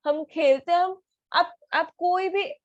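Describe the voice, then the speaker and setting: Her voice is very high, and she speaks slowly over a dry, lo-fi recording with no echo. She's teaching children online through a video call, asking them question after question with patience.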